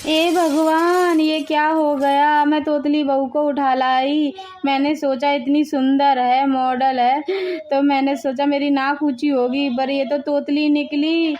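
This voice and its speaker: Cartoon mother-in-law, voiced by a woman: older, fussy, high voice, over-the-top laments. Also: level tone, slow, darkish tone. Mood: dismayed. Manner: boastful, then wailing theatrically. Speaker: voice actor for a cartoon story. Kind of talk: Hindi cartoon dubbing.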